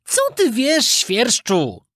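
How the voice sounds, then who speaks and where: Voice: high-pitched, very animated, unhurried, pushed and bright, dry recording, studio quality, voice pushed up, exaggerated voice. A storyteller voicing a cheeky young wooden puppet boy who is restless and scornful.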